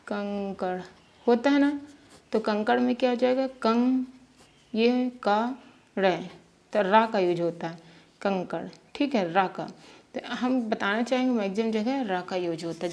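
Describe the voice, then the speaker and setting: A woman teaching beginners how to spell syllables, repeating each sound patiently and checking in often. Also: medium pitch.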